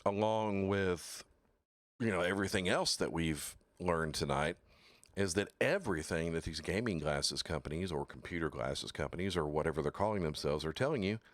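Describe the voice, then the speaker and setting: A man's voice: expressive, no echo, clean studio sound. A man hosting a casual livestream talk show, bluntly mocking product claims and reading quotes aloud. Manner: mocking and blunt, swears, slow deliberate delivery with sudden high exclaims.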